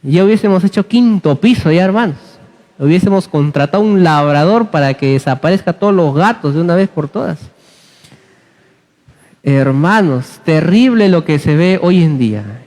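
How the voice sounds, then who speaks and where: A man's voice: sits high, darkish tone. A man from Peru preaching a sermon in a church, exhorting the congregation and dropping humorous asides. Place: church hall. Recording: long church reverb.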